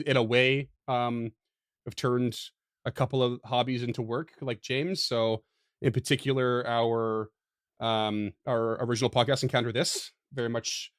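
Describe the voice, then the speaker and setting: A man's voice: medium pitch, no room sound, studio quality. A man co-hosting a podcast, talking casually with many fillers and restarts, laughing often. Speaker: podcast co-host. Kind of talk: casual chat.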